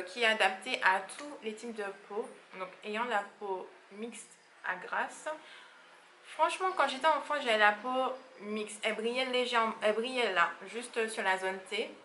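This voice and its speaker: Bright-voiced chatty beauty vlogger woman. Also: a little high, normal speed, roomy sound, slight background noise. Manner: chatty and rambling, with frequent fillers and laughs. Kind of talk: casual monthly favorites vlog.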